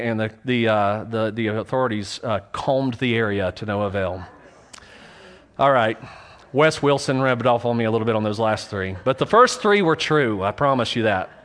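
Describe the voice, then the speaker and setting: Man, pastor, sermon, church, middle pitch, candid, self-mocking, storytelling, fillers and restarts. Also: fairly bright tone.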